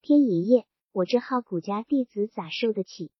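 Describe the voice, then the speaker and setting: A woman's voice: mid-range voice, expressive, normal speed, husky, dry recording, voice pushed down. A woman reading the lines of an earnest, plain-spoken male print-shop owner. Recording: dull, dry audiobook recording.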